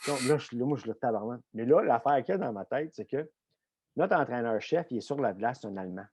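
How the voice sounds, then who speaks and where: A middle-aged man with a Québécois French accent, telling a lively anecdote in a podcast interview, full of fillers and swearing. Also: medium pitch, fast talker, breathy edge, no echo. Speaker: guest coach and former Olympian. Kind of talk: casual storytelling in a podcast interview.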